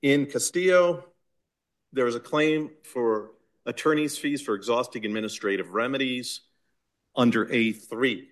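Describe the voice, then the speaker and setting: A man with a Boston accent, an attorney making an oral argument before appellate judges in a measured, insistent way. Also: medium pitch. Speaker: attorney arguing an appeal.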